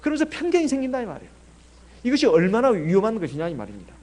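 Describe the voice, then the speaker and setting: A man's voice: sits high, wildly swooping pitch, rapid-fire, a little mellow. A middle-aged man from Jeolla preaching a sermon as pastor, chatty and full of rhetorical questions. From Jeolla, South Korea.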